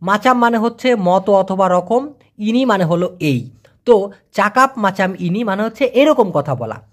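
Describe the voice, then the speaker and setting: Brief: language tutor from Bangladesh, animated up-and-down delivery, drills pronunciation slowly and patiently. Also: mid-range voice. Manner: encouraging asides to learners. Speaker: language teacher. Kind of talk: online language lesson.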